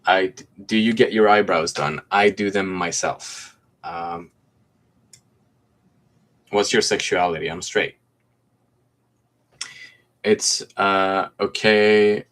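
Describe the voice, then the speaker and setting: Taking it slowly with long pauses, a Greek man in his twenties reads viewers' comments aloud and answers each during a casual phone livestream. He has a deep, low voice, a slight American accent and an easygoing, chatty style, and he's at home in a mint-green room.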